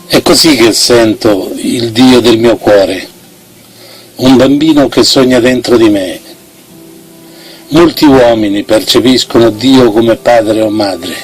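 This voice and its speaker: A man gives a theatrical poetry reading at a medium pitch. His delivery is solemn and expressive, swelling through the phrases, with music playing behind him. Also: slow pace, low-quality recording. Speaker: poetry reciter.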